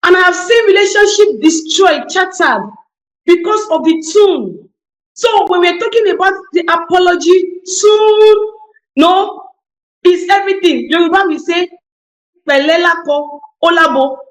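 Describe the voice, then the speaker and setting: A woman's voice: extremely high pitch, unhurried, roomy sound, low-quality recording. A woman on a TV panel discussion, speaking emphatically and repeating key phrases for weight. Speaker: talk show panelist.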